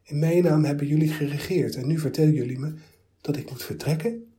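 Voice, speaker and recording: A man's voice: mid-range voice, moderate pace, warm tone, natural voice. A man voicing God as a humbled, cast-out figure who protests and pleads. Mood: indignant. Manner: protesting, then pleading and self-pitying.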